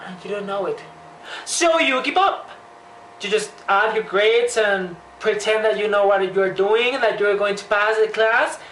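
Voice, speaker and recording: A young woman giving a joking, animated comedy vlog monologue, talking with playful exaggeration. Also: medium pitch, measured pace, slight background noise. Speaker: vlogger. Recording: echoey room.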